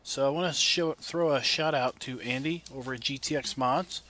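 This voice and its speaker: A man hosts a farming game video, giving relaxed, unhurried gameplay commentary and thinking aloud in a folksy manner. A tractor engine rumbles loudly behind his voice.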